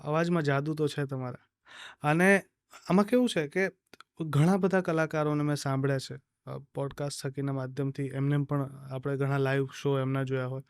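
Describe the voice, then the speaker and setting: A man from Gujarat hosting a podcast, asking questions in a measured, formal way and praising his guest. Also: mid-range voice, steady tone, smooth, dry recording, clean studio sound. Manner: measured, complimentary, formal phrasing. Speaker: podcast host. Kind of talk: interview questions. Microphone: studio podcast mic.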